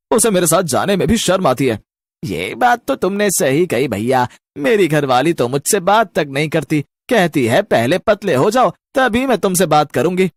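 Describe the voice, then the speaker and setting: A woman voicing grown men in a cartoon, loud, hurried and complaining, bewildered at having grown fat. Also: fairly low pitch, dry recording, clean studio sound. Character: bewildered grown-up male townsmen turned fat. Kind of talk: cartoon voice acting.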